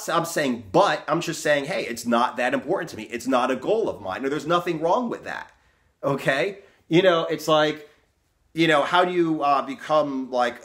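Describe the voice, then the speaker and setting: A man's voice: medium pitch, fairly bright tone. Blunt, profane male coach ranting. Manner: blunt, profane, emphatic, repeats "okay?" and "you know". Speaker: fitness and success coach. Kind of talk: blunt motivational vlog rant.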